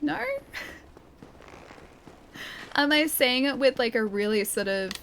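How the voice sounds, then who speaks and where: During a casual gaming live stream, an Australian woman talks with her viewers, reads out their messages and laughs frequently. She has a high, expressive, fairly bright voice and speaks slowly, with a slight hiss or hum on the recording.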